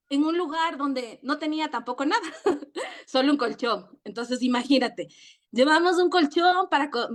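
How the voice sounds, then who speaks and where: A middle-aged woman with an Ecuadorian accent telling her personal story in an emotional, earnest way, often halting and repeating words. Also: high-pitched. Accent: Ecuadorian Spanish. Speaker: network marketing leader. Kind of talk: personal testimony.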